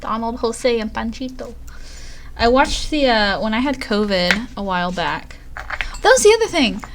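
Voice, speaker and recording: A woman's voice: fairly high pitch, expressive, normal speed, a bit bright, slight background noise. A woman streamer chatting casually on a live stream, rambling and poking fun at herself. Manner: chatty, self-deprecating, rambling.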